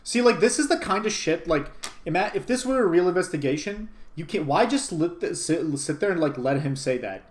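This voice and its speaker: A man's voice: on the high side, animated, brisk. Profane rambling male streamer. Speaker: streamer host. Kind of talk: casual stream commentary.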